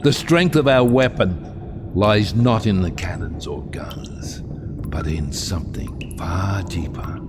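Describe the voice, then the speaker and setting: An actor playing a brooding, defiant middle-aged submarine captain in a cinematic audio drama, grave, theatrical and deliberate, with loud music under him. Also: male voice, low-pitched, noisy background. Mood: defiant, menacing.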